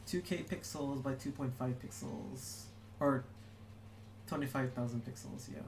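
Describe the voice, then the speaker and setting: At an unhurried pace and medium pitch, a young adult streamer chats casually while drawing and reading chat, rambling with lots of "like" and frequent restarts. The background is noisy, and the room gives off a roomy echo.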